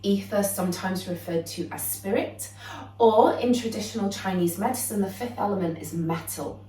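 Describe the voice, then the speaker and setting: A young woman introduces a yoga practice in a calm, explanatory way, now and then pausing on an "um". She sounds set back from the microphone. Her voice rings in a roomy, echoing space. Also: medium pitch, distant mic. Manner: calm, explanatory, with frequent "um" fillers. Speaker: yoga teacher. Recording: roomy echo, voice a bit off-mic.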